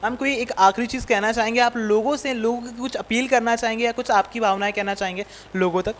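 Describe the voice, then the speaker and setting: A man's voice: very high voice, steady tone, quick pace, fairly bright tone, a little hiss or hum. A man interviewing people at a blood donation camp, upbeat and encouraging, mixing in English words as he talks. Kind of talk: casual on-location interview.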